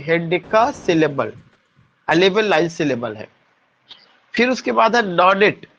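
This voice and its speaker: A man's voice: sits high, a bit bright, muffled recording. A man teaching poetry terms in an exam-prep lesson, asking questions and answering them, spelling words out letter by letter.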